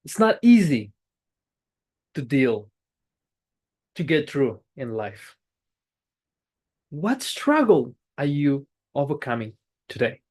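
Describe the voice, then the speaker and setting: Taking things slowly, with long pauses, an Angolan club speech-giver delivers a lively, prepared motivational address in a mid-range voice. Portuguese is the first language; the speaker stresses points hard, repeats key phrases and restarts words.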